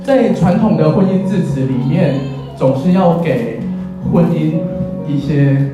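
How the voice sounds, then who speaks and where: A man's voice: on the high side, expressive, measured pace. A man in his thirties with a Taiwanese accent, giving a wedding speech as officiant with wry, self-deprecating humour. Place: in a church, speaking to guests. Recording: very echoey church hall, music behind.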